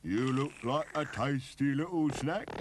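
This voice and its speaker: Man putting on a deep gloating cartoon lion. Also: sing-song, slow, a little hiss or hum. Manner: low, gloating growl. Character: hungry menacing male circus lion.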